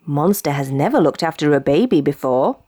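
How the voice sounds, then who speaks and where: Expressive British woman reading a storybook. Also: low voice, brisk, dry recording, clean studio sound. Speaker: storybook reader. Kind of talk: children's bedtime story read-aloud.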